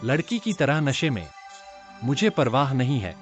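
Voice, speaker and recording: A man's voice: medium pitch, big pitch swings, unhurried, faint music behind. A man dubbing a brash, teasing young man in a TV drama, the friend of the lead. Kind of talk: Hindi dub of a TV drama.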